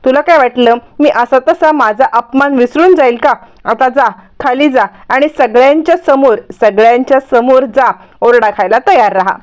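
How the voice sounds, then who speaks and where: A woman's voice: high voice, moderate pace, hardly any pauses, close to an everyday voice. A woman reading the lines of a spiteful young woman who gloats over her revenge, in a taunting way. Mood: gloating.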